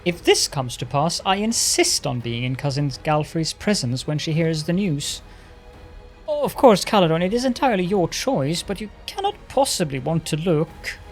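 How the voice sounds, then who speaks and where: A flippant, mocking young aristocrat played by a man from a fantasy game. The voice sits fairly high and is theatrical and amused, with music underneath. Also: very animated, moderate pace, gravelly. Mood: teasing.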